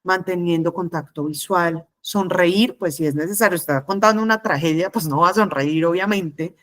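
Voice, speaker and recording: With a fairly low pitch and a fairly bright tone, a middle-aged woman teaches a class of trainee conciliators. She is measured and explanatory, listing each point in turn.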